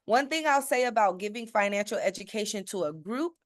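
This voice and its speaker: A woman's voice: medium pitch, animated, brisk, dry recording. A woman, a financial educator, giving a persuasive webinar presentation with emphatic points and rhetorical questions, often checking in with "okay?". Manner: checks in with listeners with a frequent "okay?". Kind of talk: sales-style webinar presentation.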